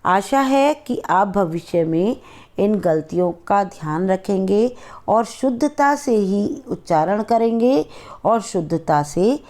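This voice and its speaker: A woman teaching a grammar lesson, saying each word twice in slow, careful pronunciation drills. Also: mid-range voice, animated, a little mellow. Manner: repeats each word twice, stressing the correct form.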